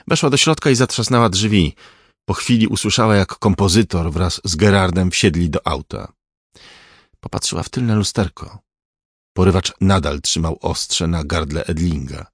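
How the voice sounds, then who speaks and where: A man reading a crime novel aloud in a measured, even way. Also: low voice, husky, no room sound, studio quality. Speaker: audiobook narrator. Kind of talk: scripted narration.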